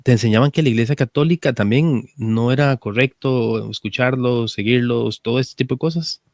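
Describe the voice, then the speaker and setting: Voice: mid-range voice, moderate pace, darkish tone, no echo. Attentive podcast host, dry sound. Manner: attentive, brief affirmations. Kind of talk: interview questions.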